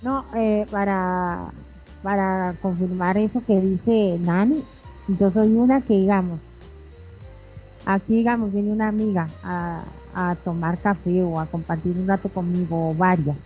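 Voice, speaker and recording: A woman's voice: medium pitch, steady tone, a little slow, mellow, soft background music. A woman speaking frankly in a casual group discussion, full of fillers. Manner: frank and chatty, with many discourse fillers. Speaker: discussion participant. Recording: dull lo-fi recording.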